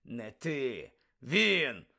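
A man's voice: huge pitch swings, very slow, sharp tone, heavily acted. A man doing a growling old wizard professor. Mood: gruff, roaring. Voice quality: low gravelly growl. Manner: barking, roaring commands. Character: gruff scarred old male wizard professor, fierce.

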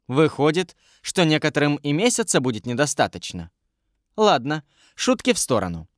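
A man's voice: on the high side, big pitch swings, moderate pace, no room sound, clean studio sound. A man voicing a curious young queen. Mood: teasing. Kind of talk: audiobook character reading.

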